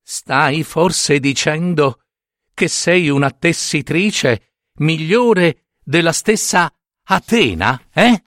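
A man's voice: a little high, animated, very slow, fairly bright tone, dry recording, studio quality, voice pushed up, exaggerated voice. A man voicing a stern goddess disguised as an old woman, curt and cold.

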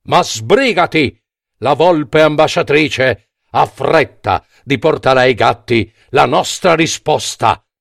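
A man's voice: medium pitch, takes it slowly, gravelly, dry recording, studio quality. A man voicing a pompous, impatient male mouse who presides over an assembly, speaking in a rhetorical, exhorting way.

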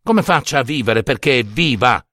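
A man narrating a classic short story as a literary audiobook, in an expressive, dramatic reading. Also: mid-range voice, normal speed, dry recording, studio quality.

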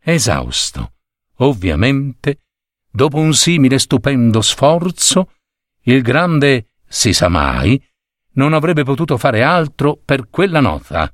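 A man reading a story aloud, unhurried and expressive, sometimes correcting himself. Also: medium pitch, no echo, studio quality. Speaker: narrator.

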